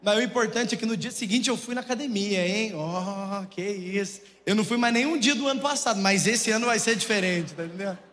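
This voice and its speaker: Fast-talking Brazilian preacher man. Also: sits high. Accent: Brazilian Portuguese. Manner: jokey, animated storytelling to a congregation. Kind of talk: humorous sermon storytelling. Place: church auditorium. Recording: long church hall reverb, faint noise.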